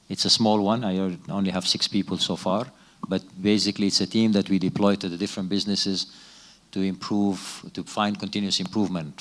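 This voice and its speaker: A middle-aged man from Sudan with a fairly low voice, fielding questions at a conference. He speaks in a measured, thoughtful way, stopping and restarting his sentences as he works out his answers. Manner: measured, with frequent restarts and hesitations. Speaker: business executive, keynote guest. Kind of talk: fireside chat Q&A answers.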